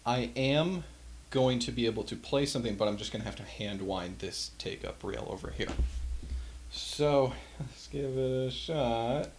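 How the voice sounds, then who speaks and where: With a mid-range voice and no hurry, a host handles old audio gear in an offhand, unscripted demo full of wry self-deprecation, and a little hiss or hum sits in the recording.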